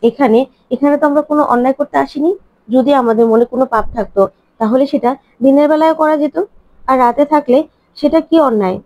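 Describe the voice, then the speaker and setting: With no room sound and a natural, high-sitting voice, a woman portrays a hurt, defensive adult man who keeps pressing pleading, reproachful questions in quick succession. The recording is dry and dull.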